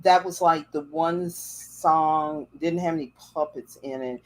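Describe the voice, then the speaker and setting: A woman whose voice sits low speaks at a measured pace while hosting a livestream through a livestream setup. She chats casually and rambles through stories.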